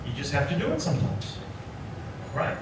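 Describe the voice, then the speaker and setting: A man's voice: on the high side, big pitch swings, moderate pace. A man in his forties, from Sri Lanka, a psychologist giving a workshop lecture who keeps checking in with the audience by asking "right?". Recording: echoey room, voice from a distant mic, noticeable background noise.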